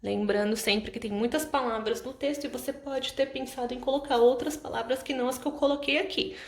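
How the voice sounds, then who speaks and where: A woman's voice: fairly high pitch, steady tone, a little fast, roomy sound. A woman teacher with a Brazilian Portuguese accent goes through homework answers patiently, explaining step by step and often checking in with the class. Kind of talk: correcting homework exercises.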